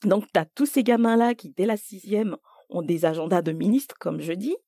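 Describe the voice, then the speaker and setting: Husky, gravelly-voiced woman chatting. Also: mid-range voice, moderate pace, no echo, clean studio sound. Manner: animated, emphatic, thinking aloud with fillers. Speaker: podcast co-host. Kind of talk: casual conversation.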